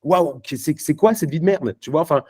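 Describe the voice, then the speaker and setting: A man's voice: fairly high pitch, fairly quick, mellow, breathy edge. A man giving a live motivational talk at a network marketing event, punchy and emphatic, speaking casually to the crowd. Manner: many fillers and restarts, casual slang.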